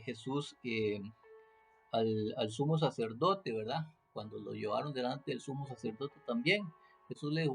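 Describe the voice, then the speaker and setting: Man, teaching scripture off the cuff; rough fry in the voice, lots of fillers and restarts. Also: medium pitch. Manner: hesitant, many fillers and restarts, rhetorical questions. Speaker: preacher. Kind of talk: unscripted Bible teaching.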